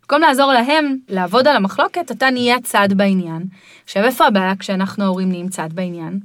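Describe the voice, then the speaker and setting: A middle-aged woman guiding parents in a podcast conversation, explaining in a lively way and sometimes mimicking children's voices. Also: mid-range voice, dry recording, studio quality. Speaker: parenting guide.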